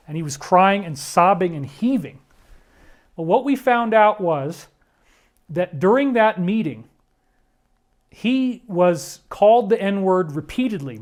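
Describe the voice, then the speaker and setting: A man delivering an emotional commentary monologue, emphatic and prone to sudden loud outbursts. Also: high voice. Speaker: online commentator.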